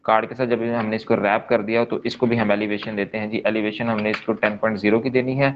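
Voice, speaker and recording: A man's voice: lowish voice, flat delivery, fast talker, highs cut off, a little hiss or hum. A man giving a step-by-step screen-share coding lesson, checking in often with his listeners. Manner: explains step by step, checks in often with "theek hai?". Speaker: programming instructor.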